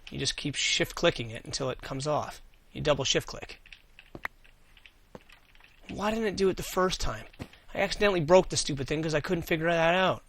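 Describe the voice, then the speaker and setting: A man's voice: fairly high pitch, pushed and bright, slight background noise. A man giving casual gameplay commentary as host, thinking aloud and answering his own questions as he goes. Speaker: gaming video host.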